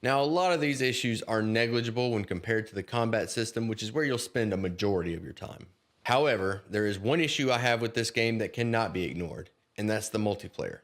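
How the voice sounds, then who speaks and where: A man's voice: fairly low pitch, lively intonation, brisk, a bit bright. A man reading a scripted game review, casually addressing viewers directly.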